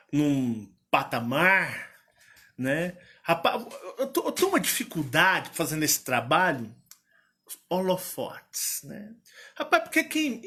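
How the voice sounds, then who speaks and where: A man with a Minas Gerais accent talks in a casual, rambling way, full of playful restarts. His voice sits high for a man and bounces around a lot. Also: a bit bright. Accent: Minas Gerais Portuguese. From Minas Gerais, Brazil. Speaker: channel host. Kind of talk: casual chat.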